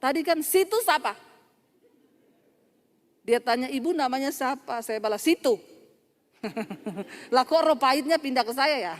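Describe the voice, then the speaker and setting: A woman pastor preaching a storytelling sermon, lively and acting out dialogue, often laughing at her own jokes. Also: fairly high pitch, long reverb tail. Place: church.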